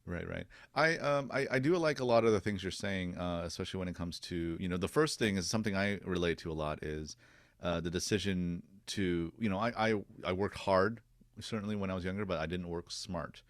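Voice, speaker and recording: Brief: deep-voiced male podcast host, earnest and reflective, dry close sound. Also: fairly quick, dry recording. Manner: earnest, reflective, many fillers. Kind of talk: casual interview chat.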